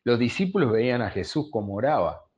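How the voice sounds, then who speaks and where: Pastor telling sermon stories. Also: male voice, mid-range voice, very animated, brisk, a little mellow, breathy edge, dull audio. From Uruguay. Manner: conversational, tags phrases with a questioning aside. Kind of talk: storytelling sermon.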